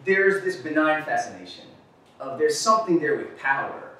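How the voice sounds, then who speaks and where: Picked up from a distance in a reverberant, gallery-like room with a screen, a man in his thirties presents casually at a talk event. His fairly high voice has a sing-song lilt, a normal pace and a pushed, bright quality, and he keeps reaching for "right?" and filler words in a conversational lecture style.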